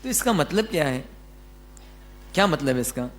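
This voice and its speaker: Male spiritual teacher, high-pitched, chatty sermon style, acts out everyday quotes. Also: sing-song, moderate pace. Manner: asks the audience questions and answers them himself. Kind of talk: Jain religious discourse.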